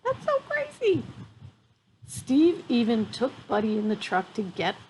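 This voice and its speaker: The audio is poor as a slightly high-voiced woman in her fifties reads a picture book to kids outdoors at a measured pace. Standing on a wooden deck among trees, she tells the story in an animated, amused way, with exclamations and chatty asides over faint ambient noise.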